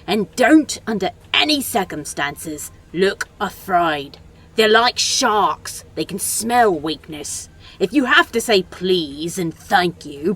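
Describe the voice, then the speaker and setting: A woman voicing a sardonic, bossy male demon in a fan audio drama, talking in a dry, exasperated, scolding way. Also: mid-range voice.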